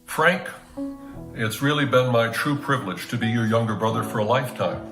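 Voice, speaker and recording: A man speaking as a younger brother in a prepared, sincere video tribute, measured and heartfelt. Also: medium pitch, a bit bright, reverberant, soft background music.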